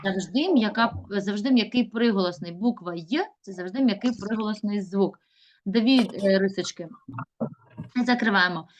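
A woman's voice: medium pitch, normal speed, dull audio. A woman teaching a classroom lesson, stretching out words as she dictates and coaxing pupils with questions. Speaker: primary school teacher.

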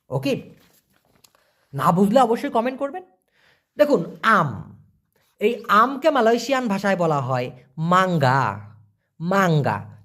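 Lively-voiced man teaching phrases. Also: high-pitched. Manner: explains slowly, repeats words and drills phrases; colloquial, addresses viewers directly. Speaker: language teacher. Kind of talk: casual spoken lesson.

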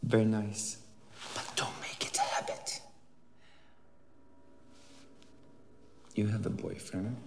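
An actor playing a contemptuous male boss who berates a job applicant, hissing some lines in a whisper and shouting others. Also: on the low side, fairly even intonation, normal speed, vocal fry. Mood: sneering. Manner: sneering, berating, swings from hissed whispers to shouts. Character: contemptuous misogynist male boss, middle-aged. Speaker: boss interviewing a secretary.

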